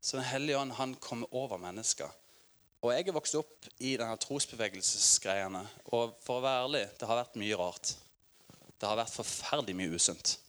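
A Norwegian man in his forties preaching a sermon in a church, telling stories with lively energy and laughter. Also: mid-range voice. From Norway. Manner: lively storytelling with laughter, acted quotes.

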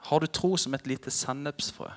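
A male pastor preaching a sermon, reading scripture and speaking to his congregation, now lively and emphatic, now soft and intimate. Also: a little high.

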